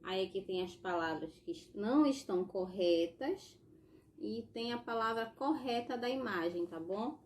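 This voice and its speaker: A Brazilian woman teaching young children in a recorded lesson, with a mid-pitched voice. She explains patiently, step by step, checking in often with short tags. Faint ambient sound sits behind her. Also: lively intonation, moderate pace, darkish tone, slight background noise. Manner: patient and explanatory, tagging sentences with "tá?" and "ó". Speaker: primary school teacher.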